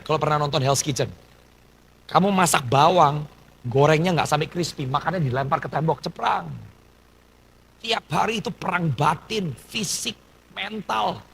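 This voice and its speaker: A man's voice: fairly high pitch, fairly bright tone, a little hiss or hum, rough recording. A man from Surabaya, a pastor, preaching a personal testimony with a Surabaya Indonesian accent and mixing in English phrases. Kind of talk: sermon testimony.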